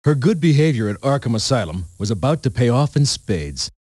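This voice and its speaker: A man's voice: mid-range voice, big pitch swings, fairly quick, darkish tone, no echo, studio quality. A man narrating a storybook game in a playful, punning storyteller manner.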